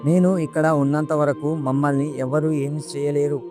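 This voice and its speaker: A man's voice: on the high side, level tone, moderate pace, music in the background, lightly acted. A man voicing a mighty young warrior prince who speaks proudly and confidently in a storybook reading. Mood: boastful.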